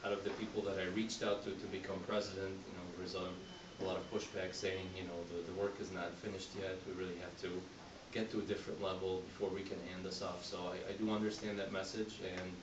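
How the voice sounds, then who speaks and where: A man from Egypt giving a candidate speech to a community group, talking in a halting way with many fillers and restarts. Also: low voice, flat delivery, highs cut off. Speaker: board candidate. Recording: roomy hall, mic at a distance, background noise.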